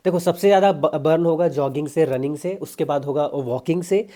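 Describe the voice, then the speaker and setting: Young male fitness vlogger, warm mellow voice, chatty and salesy. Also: fairly high pitch, brisk. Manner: chatty, pushy, addresses viewers as brother. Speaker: fitness coach. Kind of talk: casual diet advice vlog.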